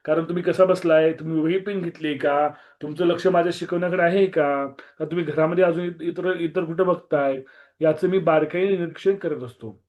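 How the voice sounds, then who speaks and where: Man, online maths teacher, Marathi accent, slightly hoarse, strict, repeats himself, fairly high voice, muffled video-call sound. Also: fairly even intonation, fairly quick. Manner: strict, repeats words, mixes in English.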